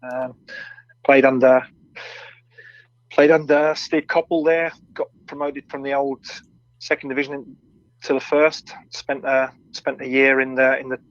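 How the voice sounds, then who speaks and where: Middle-aged male interview guest, monotone and halting, casual reminiscing, dull dry call audio. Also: mid-range voice, no echo. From born in Swansea, brought up around Reading, England. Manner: hesitant, halting delivery with repeated words. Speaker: former professional footballer, interview guest. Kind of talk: recalling career in casual interview. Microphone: audio-only online call.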